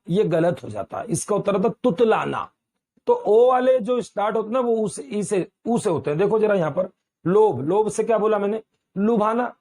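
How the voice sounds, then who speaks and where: Male Hindi grammar teacher from Uttar Pradesh, high voice, quizzes the class and repeats key words. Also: darkish tone. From Uttar Pradesh, India. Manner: addresses students as beta, repeats quiz questions.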